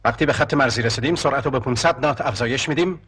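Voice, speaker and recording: A man playing a brisk fighter pilot leader. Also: medium pitch, fairly bright tone, lightly acted. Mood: commanding. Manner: clipped radio calls, commanding. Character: brisk male fighter pilot leading a squadron. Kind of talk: 1980s war film acting.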